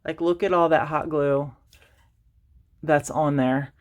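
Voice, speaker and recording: A woman's voice: deep voice, steady tone, takes it slowly. A woman hosting a casual craft tutorial, rambling and self-deprecating with lots of fillers and restarts, a little out of breath. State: slightly out of breath. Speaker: crafting channel host.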